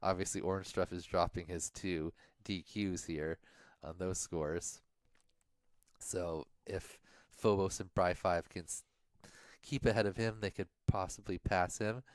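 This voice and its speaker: A man co-hosting a livestream talks through the race standings in a relaxed, thinking-aloud way, sometimes trailing into mumbles. His voice sits low and sounds smooth and resonant. The sound is close and dry. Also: a little slow, dry recording. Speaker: livestream co-host. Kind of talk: casual stream chat going over race standings.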